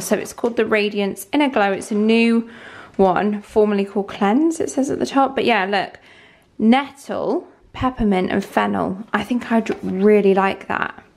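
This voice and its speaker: The recording is low quality as a woman talks through her shopping haul to a handheld camera at arm's length. A lifestyle vlogger, she's chatty, rambling and upbeat, moving from a parked car to a bedroom at home, and her medium-pitched voice has a creaky edge.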